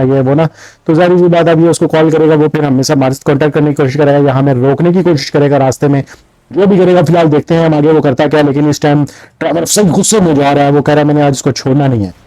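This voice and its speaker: A man commentating his own gameplay at a rapid clip, his slightly raised voice warm and dark in tone. He narrates every move excitedly, repeating words as the action unfolds. The sound is close and dry with no room around it. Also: fairly high pitch, dry recording, rough recording. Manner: excitable, narrates the action play by play with many repetitions. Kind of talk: let's-play game commentary.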